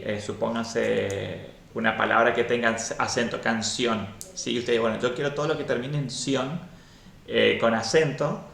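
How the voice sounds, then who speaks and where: A man's voice: mid-range voice, creaky, fairly bright tone, echoey room. A man teaching a programming class live and explaining step by step, often checking in with "¿sí?".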